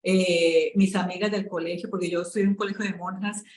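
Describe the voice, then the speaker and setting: A Colombian woman, a spiritual coach, telling her story in an interview in an emotional, halting way, with many fillers and restarts. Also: on the low side, steady tone, darkish tone, echoey room, slight background noise, rough recording.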